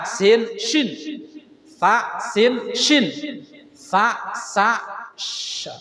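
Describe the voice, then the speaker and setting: A man's voice: sits high, fairly bright tone. A man teaching a Quran tajwid lesson, drilling syllables over and over for a group to repeat. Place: mosque hall. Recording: echoey mosque hall.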